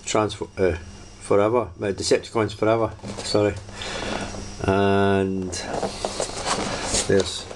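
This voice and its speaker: A man's voice: lowish voice, noisy background. A man casually reviewing a toy, rambling and hesitant, often repeating himself as he goes.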